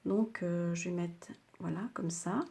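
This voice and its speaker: Soft-spoken older Frenchwoman with a sore throat. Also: on the low side, steady tone, measured pace, vocal fry, a little hiss or hum. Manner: chatty, hesitant, many fillers. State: slightly sore throat, speaking softly. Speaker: craft tutorial host. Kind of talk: casual craft tutorial.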